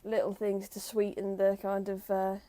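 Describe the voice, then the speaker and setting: A woman's voice: medium pitch, completely flat delivery, moderate pace, dark tone. A woman from the UK co-hosting a reselling channel, chatting casually with dry jokes and fillers. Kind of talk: casual chat.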